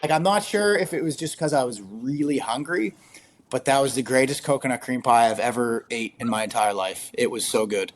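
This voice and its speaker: Casual and chatty, a young man who is an ultrarunner talks as an interview guest, rambling, using many fillers, and laughing a lot. His slightly raspy voice sits at medium pitch and moves fairly quickly.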